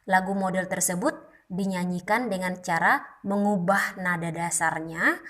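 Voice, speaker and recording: A woman's voice: on the low side, fairly bright tone. A woman teaching a music class, explaining terms step by step and now and then singing a short phrase to show them. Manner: explains slowly, sings short demo phrases. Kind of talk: slow explanatory class lesson.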